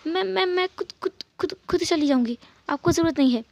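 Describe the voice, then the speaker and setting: A woman voicing a gentle, caring young woman with a soft, reassuring manner. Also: very high voice, brisk, gravelly, no echo, dull audio, pitched above the performer's own voice.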